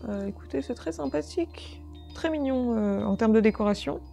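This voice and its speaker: A woman's voice: on the high side, expressive, moderate pace, vocal fry, warm tone, faint music behind. A woman chatting casually through an unboxing video, easily delighted and gushing over small items. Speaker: unboxing vlogger.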